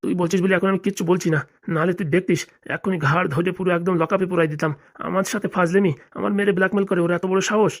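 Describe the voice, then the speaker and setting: A hot-headed cartoon dad, voiced by a woman, who blusters and threatens. His voice sits low and the words come out in a rapid rush. He talks like a stern older man laying down the law. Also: fairly even intonation. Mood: angry threats. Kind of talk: cartoon voice acting.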